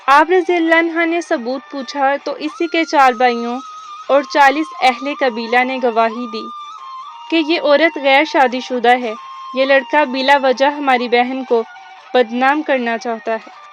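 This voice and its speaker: High-voiced woman narrating a reverent tale. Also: steady tone, highs cut off, faint music behind. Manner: formal, reverent storytelling. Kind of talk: scripted narration of a religious story.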